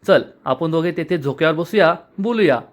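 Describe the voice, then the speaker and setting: A man's voice: on the high side, animated, normal speed, close to an everyday voice. A man voicing a playful, lovestruck young husband who teases his wife with pet names, in a serial episode recap. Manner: teasing, cajoling.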